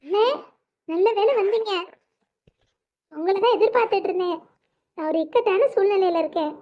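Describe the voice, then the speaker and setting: An earnest young wife in a cartoon family drama, voiced by a woman, pleading urgently. Her voice is very high and squeaky, and the audio is muffled and lo-fi. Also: moderate pace. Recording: dull lo-fi audio.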